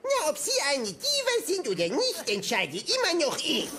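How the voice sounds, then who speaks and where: Shrill, cheeky old circus horse puppet. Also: female voice, huge pitch swings, moderate pace, over a noisy crowd, very noisy. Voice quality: mumbled, indistinct. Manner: contrary, complaining. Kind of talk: puppet comedy sketch. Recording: music and loud audience behind.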